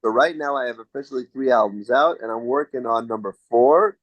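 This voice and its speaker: An American man talks through his answers in a relaxed, chatty way, telling stories and restarting his sentences as he goes. His voice sits at a middle pitch. The sound is dry and close, with no room echo. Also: brisk, lo-fi sound. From United States. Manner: chatty, storytelling, with frequent restarts. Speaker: singer being interviewed. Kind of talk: casual interview answers.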